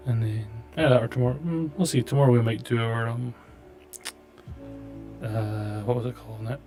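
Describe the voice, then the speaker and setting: A man's voice: medium pitch, steady tone, normal speed, dark tone. A man live-streaming a flight simulator with casual commentary, muttering to himself in a dry, sweary, self-deprecating way. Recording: game stream with clear background music. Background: music.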